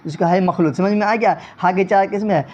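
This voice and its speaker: A man's voice: high-pitched, a little mellow. A male teacher giving an online grammar lesson, repeating each point and often checking whether students understood. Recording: dull lo-fi recording.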